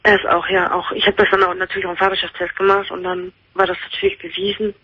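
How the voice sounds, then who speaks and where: A woman calling into a late-night radio show, recounting a loss haltingly through her grief. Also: mid-range voice, sing-song, creaky, a little hiss or hum. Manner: halting, grief-stricken retelling. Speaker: caller. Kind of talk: late-night call-in conversation. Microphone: telephone. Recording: dull phone line on radio.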